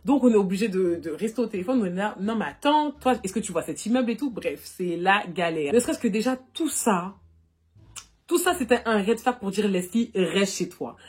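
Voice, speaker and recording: A young woman vlogger telling a personal story in a casual storytime monologue, animated and full of fillers, recorded on a phone. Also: medium pitch, husky. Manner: rapid and animated, full of fillers like "et tout" and "du coup".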